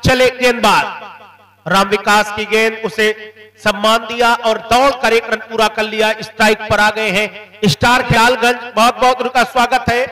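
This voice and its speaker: A man giving excited live cricket commentary, breaking into shouts on big hits. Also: high-pitched, normal speed, roomy sound, distant mic, poor audio. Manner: excited, rising shouts on boundaries.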